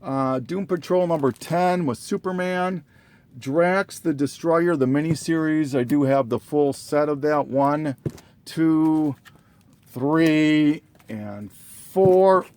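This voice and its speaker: Guy slowly reading off his collection, lots of ums, kinda losing his voice, slightly high voice. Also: a little mellow, smooth. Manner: slow, halting, many ums and self-corrections. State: losing his voice, clearing his throat. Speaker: comic collector listing trades. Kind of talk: casual show-and-tell listing.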